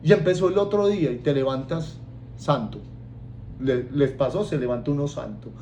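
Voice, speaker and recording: A man's voice: on the high side, moderate pace, dull audio, a little hiss or hum. A man with a Colombian accent preaching a sermon, joking and acting out voices for his congregation. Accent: Colombian Spanish. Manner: animated, acts out voices and jokes with the congregation.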